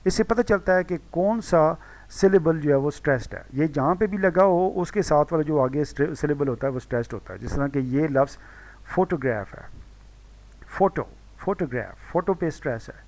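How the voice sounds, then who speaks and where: A man gives a recorded pronunciation lesson. He explains step by step, drawing out example words slowly and repeating them. When he slips, he says "sorry" and corrects himself. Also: fairly high pitch, a little mellow. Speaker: English teacher.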